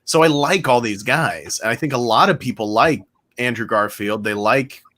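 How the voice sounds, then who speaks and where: A man's voice: mid-range voice, moderate pace, a bit bright. Middle-aged guy rambling through a podcast chat, lots of uhs, plain mid voice. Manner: chatty, rambling with fillers. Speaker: podcast host. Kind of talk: casual group chat.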